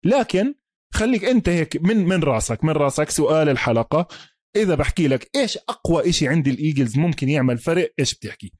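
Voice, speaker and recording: A man's voice: a little high, lively intonation, fast, a little mellow, no room sound, studio quality. A man with a Palestinian Arabic accent chatting casually about sports as a podcast host, emphatic and repeating himself, mixing in English terms.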